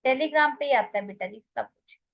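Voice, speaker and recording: A woman with an Indian English accent teaches English grammar in an online class, mixing Hindi with English and addressing her students as "beta." Her voice is high, her pace moderate, and the sound lo-fi.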